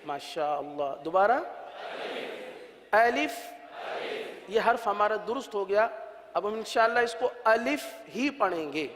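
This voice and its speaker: A man with a Pakistani Urdu accent teaching how to pronounce Quranic letters, patiently repeating each sound in long drawn-out syllables. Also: sits high, expressive, noisy background. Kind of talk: religious letter-pronunciation lesson. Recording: long reverb.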